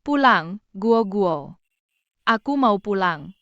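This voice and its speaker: A woman's voice: medium pitch, big pitch swings, slow pace, fairly bright tone, clear, resonant tone, dry recording, dull audio, exaggerated voice. A woman dubbing a whiny little child who begs to go home. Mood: whining. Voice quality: whining. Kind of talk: Indonesian dub of a drama series.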